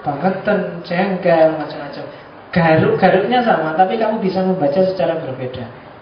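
A man's voice: sits high, animated, moderate pace, recorded from a distance. A male university lecturer, giving a chatty, joking class lecture and acting out examples. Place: lecture room. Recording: echoey room from afar, dull lo-fi, background noise.

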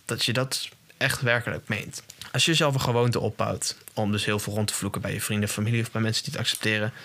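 A man's voice: on the low side, bright, forceful tone. A young man hosting a podcast, talking in a casual monologue and often restarting and searching for words. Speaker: podcast host.

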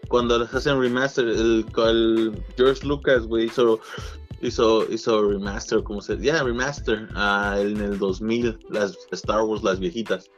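A man's voice: fairly low pitch, steady tone, measured pace. A young man with a Chicano Mexican-American accent chatting casually in slangy, profane Spanglish-sprinkled speech, telling anecdotes. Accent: Chicano Mexican-American Spanish. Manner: slangy, profane, mixes in English words. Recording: dull lo-fi sound, faint music behind.

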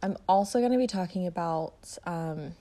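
A podcast host from Detroit, Michigan, in her 20s and working as a fitness and mindset coach, talks alone into the mic in a relaxed, rambling way with many fillers. Her lowish voice is warm and soothing, and she keeps a moderate pace.

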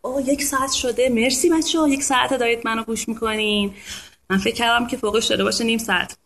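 A woman's voice: on the high side, fairly even intonation, a bit bright. A woman hosting a casual live talk for an online audience, speaking in a chatty, playful way and now and then imitating animal sounds. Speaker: host of a live talk on reading to babies.

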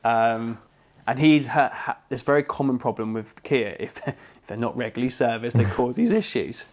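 A young man with an English accent tells a long story in a loose, conversational way. He slips into quoting the other people in it and swears freely. His delivery is animated, with a medium pitch for a man. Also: moderate pace. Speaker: podcast co-host. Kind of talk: casual storytelling chat.

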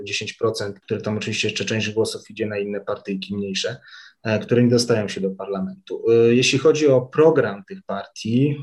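A man speaking as an expert guest, explaining in a measured way with frequent hesitations and fillers. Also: on the low side, a little mellow. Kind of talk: analytical discussion.

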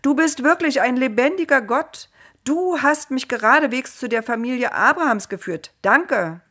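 A woman's voice: lowish voice, unhurried. A woman voicing an old male servant in a story, speaking eagerly and earnestly. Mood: joyful.

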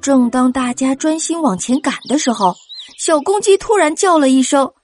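A woman narrating a children's story, gently speaking to young listeners. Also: high voice, expressive, normal speed, faint music behind. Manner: gentle, addresses children directly.

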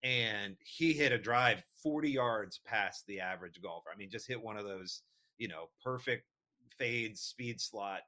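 Bright, forceful man talking sports casually. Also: fairly low pitch, unhurried. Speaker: podcast co-host. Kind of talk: casual golf discussion.

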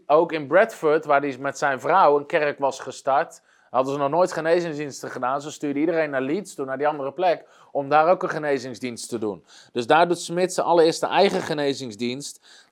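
A man with a somewhat high voice preaches in an earnest storytelling manner. He often pauses and restarts his sentences as he works through a tale. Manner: earnest storytelling with frequent hesitations. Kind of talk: storytelling sermon.

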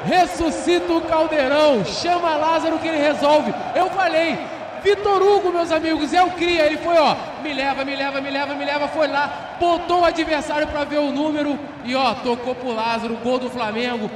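A man's voice: very high-pitched, fairly even intonation, moderate pace. A Brazilian man giving exuberant, slangy football commentary full of repeated catchphrases. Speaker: football commentator reacting after goals. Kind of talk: excited colloquial match commentary. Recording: echoey, with faint noise and crowd. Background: stadium crowd.

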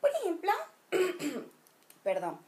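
A high-pitched woman with a Venezuelan accent, talking in a relaxed, casual chat. She speaks frankly and firmly, dropping slang into her stories and opinions. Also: extremely slow. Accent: Venezuelan Spanish.

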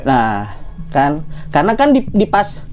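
A woman's voice: low-pitched, measured pace, faint music behind. Slangy woman telling a story. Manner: lively, slangy, acts out quoted voices. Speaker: guest storyteller. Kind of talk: casual podcast storytelling. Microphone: podcast microphone.

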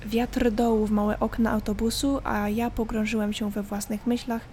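A woman narrating a scripted horror story in a calm, measured way. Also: fairly high pitch, a little hiss or hum. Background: faint background music.

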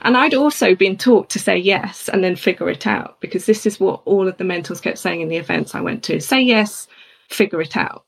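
A middle-aged woman, a coach and speaker, telling a personal story in an animated conversational way. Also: on the low side, fairly quick, vocal fry, few pauses, breathy edge. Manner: animated, acts out other people's voices in her anecdotes.

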